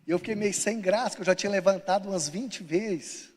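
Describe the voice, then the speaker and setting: A man's voice: sits high, brisk. A Brazilian man preaching a sermon, telling humorous stories and acting out the people in them. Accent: Brazilian Portuguese. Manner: humorous, acts out characters in his stories. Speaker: pastor. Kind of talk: sermon with storytelling. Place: church hall. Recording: long reverb of a church hall.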